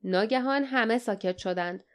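A woman narrating an audiobook, reading the characters' dialogue with a livelier, raised voice. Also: smooth. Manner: reads dialogue with raised pitch and energy.

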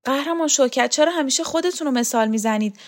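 A woman's voice: high-pitched, pitched above the performer's own voice, lightly acted. A woman voicing a timid young woman who speaks hesitantly and pleadingly in an audiobook.

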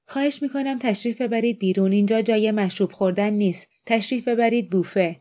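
A woman's voice: mid-range voice, darkish tone, lightly acted. A woman voicing a thin, breathless male security officer who speaks politely but firmly, in an audiobook reading.

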